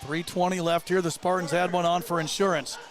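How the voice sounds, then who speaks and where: A man working as play-by-play commentator, calling a hockey game rapidly and getting excitable on big plays. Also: high voice. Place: live at an ice rink.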